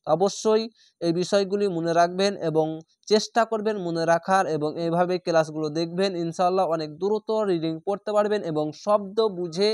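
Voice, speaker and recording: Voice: mid-range voice, a little mellow, no room sound. Patient Quran reading teacher, dry close sound. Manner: spells Arabic words letter by letter, then recites them slowly and drawn out; patient, repetitive instruction to viewers. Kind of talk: online recitation lesson.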